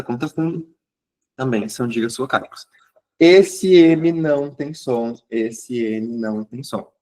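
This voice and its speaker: Gaúcho teacher, high voice, keeps asking "tá?". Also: male voice. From southern Brazil. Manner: explanatory, checks in with frequent "tá?". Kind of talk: exam review lesson.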